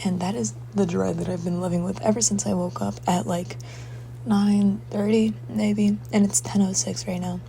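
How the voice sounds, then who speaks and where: Creaky, low-key woman recalling a dream. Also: little pitch movement, brisk, hardly any pauses, mellow, slight background noise. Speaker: dream diarist. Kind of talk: casual personal dream recounting.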